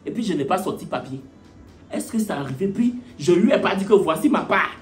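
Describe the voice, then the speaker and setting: Animated male comedian telling a story. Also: high-pitched, brisk, faint music behind. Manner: animated, mocking, rhetorical questions. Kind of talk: stand-up storytelling.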